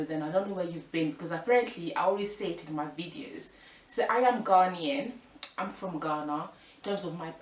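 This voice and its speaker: Chatty young woman in an echoey room. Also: fairly low pitch. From France. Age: 20s. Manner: chatty and rambling, many fillers and restarts. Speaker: vlogger. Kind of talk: casual chat to camera. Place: room at home by a window. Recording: echoey room, mic at a distance, faint hiss.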